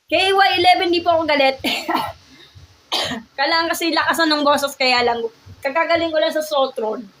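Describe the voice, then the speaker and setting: Filipino woman math teacher, high and loud, emphatic, on a phone mic set back a bit, faint room noise. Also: normal speed, distant mic, poor audio. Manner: loud and emphatic, repeats checks like "gets?" and "ha?". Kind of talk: live-streamed math lesson.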